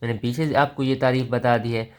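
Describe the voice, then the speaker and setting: A Quran recitation teacher, a man with a Pakistani Urdu accent, gives a tajweed lesson. He talks in an ordinary middle pitch, patiently naming each letter and its vowel mark. Then he chants the words of the verse slowly. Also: fairly even intonation, clear, resonant tone.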